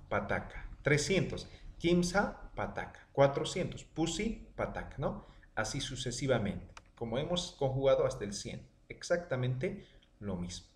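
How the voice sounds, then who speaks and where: A man teaching a language lesson online, drilling words aloud and checking in with his students after almost every line. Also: echoey room. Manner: drilling words with rising then falling pitch, checking in often.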